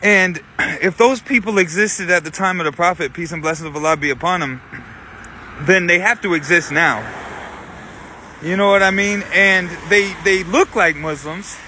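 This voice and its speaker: A man's voice: high voice, moderate pace, sharp tone, slight background noise. A man in his thirties filming himself on a phone while walking outdoors, talking earnestly and saying "you know what I'm saying" over and over. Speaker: vlogger. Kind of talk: walking selfie vlog. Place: outdoors on a street in cold weather. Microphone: phone held at arm's length.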